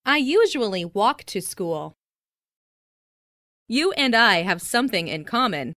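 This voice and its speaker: Woman, English phrase reader, slow careful delivery, lively rise and fall, dry close sound. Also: medium pitch, dry recording. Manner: careful, clearly enunciated, each sentence said twice. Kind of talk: slow scripted phrase reading for learners.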